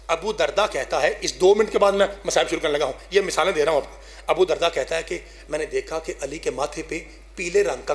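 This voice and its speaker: A man, a zakir giving an emotional mourning recitation, rising to loud high cries and sinking to hushed near-whispers while urging the audience on. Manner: addresses the audience directly, urging them to weep.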